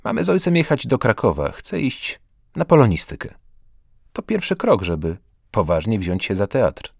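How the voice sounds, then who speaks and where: A man voicing an earnest, good-humoured teenage student with a gentle way of talking. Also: fairly low pitch, huge pitch swings, normal speed, vocal fry, dry recording, studio quality, heavily acted. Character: earnest, cheerful teenage student, theatre-minded.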